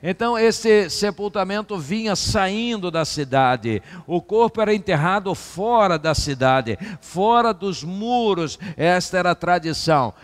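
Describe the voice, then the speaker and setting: A man preaching a sermon as pastor, slow and dramatic, with rhetorical repetition. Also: high voice, long reverb tail. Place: church hall.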